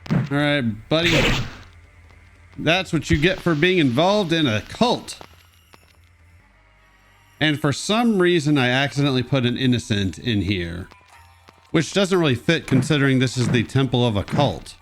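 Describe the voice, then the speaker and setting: A man's voice: mid-range voice, animated, unhurried, long pauses. Male let's play host, mid-range voice, casual wry game commentary, faint music underneath. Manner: wry, joking asides.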